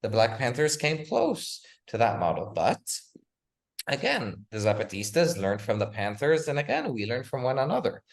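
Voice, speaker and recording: A man's voice: medium pitch, huge pitch swings, moderate pace, gravelly. A man speaking as a guest author in an interview, talking with passion and rhetorical force, leaning on repeated "again" and "right?" as he presses his points. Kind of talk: impassioned interview talk.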